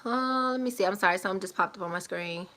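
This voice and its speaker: A woman's voice: medium pitch, fast talker, sharp tone. A young woman chatting casually to her viewers in a home pregnancy update vlog, tired and a little out of breath, rambling and laughing often, recorded by a camera set a short way off. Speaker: vlogger. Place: indoors at home, seated in a chair. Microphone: camera set at a distance.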